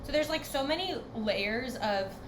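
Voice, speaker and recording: A woman's voice: high-pitched, animated, unhurried. A young woman co-hosting a podcast, talking in an earnest, reflective way. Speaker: podcast co-host. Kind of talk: casual chat. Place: home, far from the other host. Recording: echoey room with background noise.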